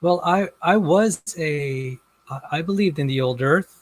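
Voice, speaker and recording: Halting man with a slightly high voice. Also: dry recording. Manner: halting, repeats words as he restarts. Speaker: guest in a debate on creation and science. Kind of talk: casual video-call conversation.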